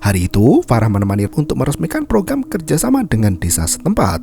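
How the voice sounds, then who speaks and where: A man's voice: medium pitch, wildly swooping pitch, fast, creaky, music in the background. A man narrating a film recap as scripted, dramatic storytelling.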